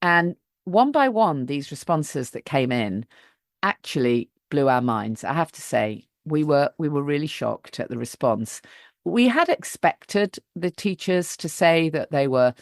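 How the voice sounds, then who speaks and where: A woman's voice: low voice, gravelly, dry recording, studio quality. A woman hosting a podcast, chatting casually and often repeating words as she thinks. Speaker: podcast host.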